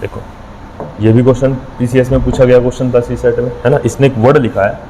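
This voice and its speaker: A man's voice: mid-range voice, fairly even intonation, quick pace, mellow, in a large hall, a little hiss or hum, poor audio. A man teaching an exam-prep reasoning lesson, working through problems step by step and counting numbers aloud with frequent checks on his students.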